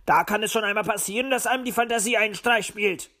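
A man's voice: high voice, fast talker, sharp tone. A man voicing a grumpy, grumbling male fox in a storybook audiobook. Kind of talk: audiobook character voice.

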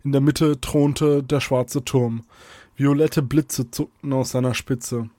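A man narrating a scripted fantasy audio story in a steady, even reading voice. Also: mid-range voice, slow pace, no echo.

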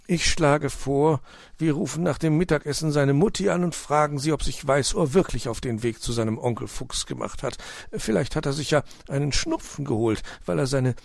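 A man voicing a kindly, calm old male owl uncle who hoots between his words. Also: fairly high pitch, normal speed, creaky, dry recording, clean studio sound, voice pushed up. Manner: soothing, hooting "huhu".

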